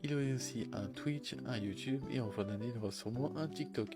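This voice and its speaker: A man's voice: mid-range voice, fast. A man giving a casual, informal presentation as a presenter introducing a streamer. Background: background music.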